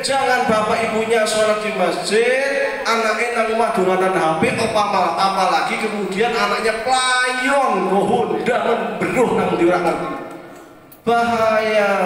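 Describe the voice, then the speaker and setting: High-voiced Javanese preacher in echoey mosque. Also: male voice. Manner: animated, acts out prayers and voices. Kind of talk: sermon. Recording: echoey hall, far from mic.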